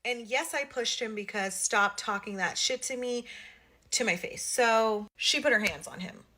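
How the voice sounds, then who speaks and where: A woman with a fairly high, very bright and forceful voice presents a commentary video. She is blunt and matter-of-fact, walking through messages and reading them out. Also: moderate pace. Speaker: social media gossip commentator.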